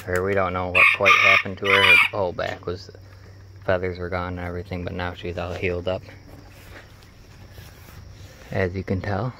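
Filming himself by a chicken coop with a handheld phone at arm's length, a farm vlogger in his twenties chats and rambles with plenty of fillers. His voice is low and monotone at normal speed, with frequent pauses, and the recording is very noisy.

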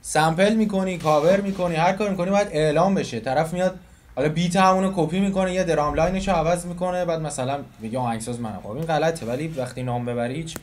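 A man interviewing a rapper in a relaxed, agreeable, chatty way. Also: on the high side. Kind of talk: casual interview chat.

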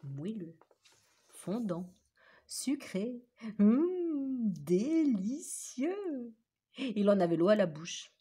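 A woman teacher reading a children's story aloud with animated, expressive storytelling. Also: mid-range voice, takes it slowly, pauses often, slightly rough.

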